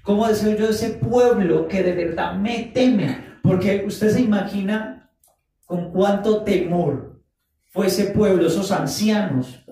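A man preaching a sermon, animated, acting out quoted voices and drawing out phrases for emphasis. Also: high-pitched, slow pace. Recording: echoey room, voice from far off the mic.

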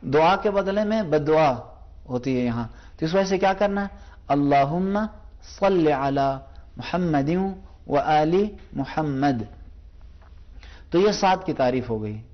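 A man's voice: on the high side, expressive. Man teaching recitation, dull broadcast sound. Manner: patient, demonstrates sounds by repeating them slowly. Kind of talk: televised pronunciation lesson.

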